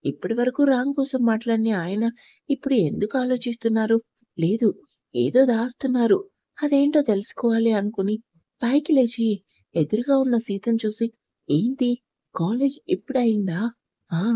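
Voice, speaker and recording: A woman narrating a romantic family story at an even, steady pace. Her voice is mellow and somewhat high-pitched, recorded close with a dry, dead sound. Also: normal speed, no room sound, highs cut off.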